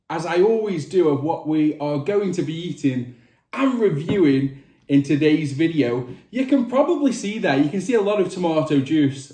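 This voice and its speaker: A man giving a casual food review to camera as the host, with drawn-out, emphatic presenter phrasing. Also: fairly high pitch. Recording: roomy, echoey indoor sound.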